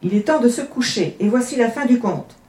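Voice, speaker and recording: A woman voicing a weary ogre mother who gently scolds her children at bedtime. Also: a little high, animated, brisk, reverberant, voice pushed up, natural voice.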